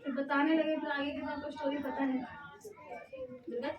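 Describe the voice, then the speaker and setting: A woman preaching a sermon and telling a personal testimony, animated and acting out the dialogue. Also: high voice, a little fast, highs cut off, a crowd in the background. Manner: animated, storytelling, acts out dialogue. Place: church. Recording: echoey church room, mic far off, noisy.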